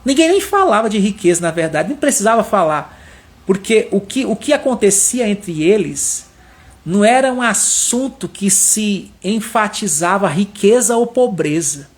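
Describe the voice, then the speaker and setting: A man's voice: high-pitched, slightly rough. A man leading a Bible study, preaching in a conversational way and often tagging his sentences with short questions. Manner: conversational, repeats tag questions. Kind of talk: informal sermon.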